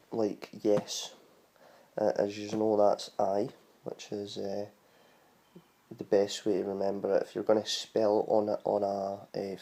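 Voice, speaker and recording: A man's voice: fairly low pitch, creaky, dark tone. A man with a Scottish accent explaining words in a casual home tutorial, rambling and hesitant with many ums and restarts. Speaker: vlogger teaching words.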